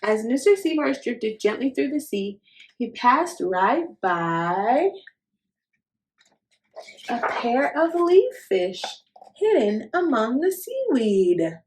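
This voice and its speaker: Animated, unhurried woman reading to children. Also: on the high side, a little hiss or hum. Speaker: children's storytime host. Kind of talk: expressive picture-book read-aloud.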